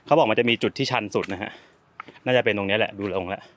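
A man's voice: fairly low pitch, quick pace, slight background noise. Playful Thai man hiking, out of breath. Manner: playful, jokey, shouts out loud at times. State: out of breath from a steep climb. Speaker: travel vlogger. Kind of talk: casual vlog narration while hiking. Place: outdoors on a steep forest trail and clifftop.

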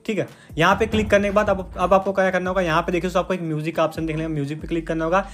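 Fast, high-voiced man teaching. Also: fairly bright tone. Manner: chatty, repeats "dekhiye doston" and "bhai". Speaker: tutorial host. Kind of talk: screen-recorded app tutorial.

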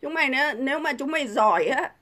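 Middle-aged woman vlogger, fairly high voice, combative and scornful, hurls rhetorical questions. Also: lively intonation, quick pace, bright, forceful tone. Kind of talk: angry political rant to camera.

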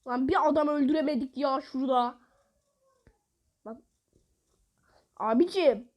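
High, slow-talking excitable woman gamer. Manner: excitable, exasperated outbursts and taunts at opponents; addresses viewers directly. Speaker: mobile game player. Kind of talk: live gameplay commentary.

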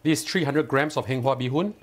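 A cooking channel host with a Singaporean English accent talks viewers through a home recipe step by step in his home kitchen. His voice-over is instructive and lightly enthusiastic, delivered fairly quickly in a mid-range voice.

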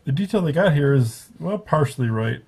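A man's voice: on the high side, expressive, fairly quick, gravelly, a little mellow, husky. A man giving a casual, rambling spoken review at a table, often correcting himself as he goes. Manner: rambling, self-correcting, offhand. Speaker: book reviewer.

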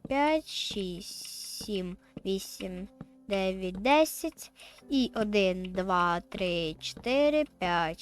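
A woman, chatting casually as she plays a video game and counts aloud while building. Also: mid-range voice. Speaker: gaming video host.

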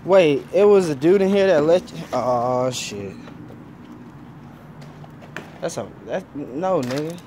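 A man's voice: fairly high pitch, expressive, takes it slowly, long pauses. A man talking in casual, slangy, profane vlogger style while exploring outdoors with a handheld phone. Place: outdoors in paved lot around derelict building. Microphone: handheld phone camera. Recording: noisy outdoor phone recording, street ambience.

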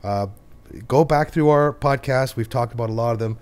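A man's voice: mid-range voice, a little mellow, clear, resonant tone. A man hosting a book podcast, upbeat and jokey, introducing segments and chatting with guests. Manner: upbeat, jokey, quick to laugh. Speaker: podcast host.

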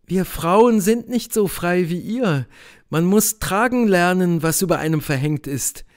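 A man's voice: high-pitched, expressive, unhurried, voice pushed up. A man reading an audiobook, voicing a troubled young woman who is bound by duty, pleading and tense. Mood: resigned.

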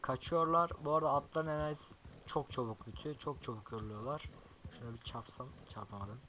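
Bright-voiced young man commenting on gameplay. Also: mid-range voice, a little fast, a little hiss or hum, poor audio. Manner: swears often, chatty, coaxes his horse. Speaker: gaming YouTuber.

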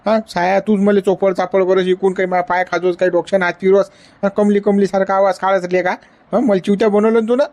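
Playing an old grandfather who is lovesick and obstinate, the actor whines and pleads insistently in a Varhadi Marathi accent for this comedic skit. His voice is high, level, brisk, and a little mellow.

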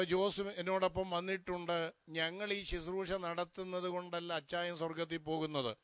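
Bright-voiced pastor preaching at a funeral. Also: male voice, fairly high pitch, dry recording. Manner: preaching with rhetorical questions to mourners. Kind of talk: funeral sermon.

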